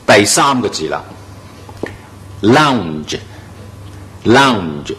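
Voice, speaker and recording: Man, english pronunciation teacher, animated pitch, emphatic, slow drawn-out model words. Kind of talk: classroom-style pronunciation lesson.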